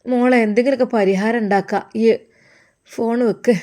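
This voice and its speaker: A concerned, caring storybook mother, as a woman puts her on, soothing her child in a Malappuram Malayalam accent, voice fairly high. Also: fairly even intonation, normal speed, dark tone, close to an everyday voice. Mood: worried.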